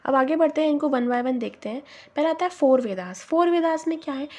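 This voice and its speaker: A young woman with an Indian accent, teaching an exam revision lesson. Her voice is a little higher than usual. She asks herself a question and answers it, explaining everything slowly and step by step. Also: animated, darkish tone. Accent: Indian English. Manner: mixes English terms into Hindi.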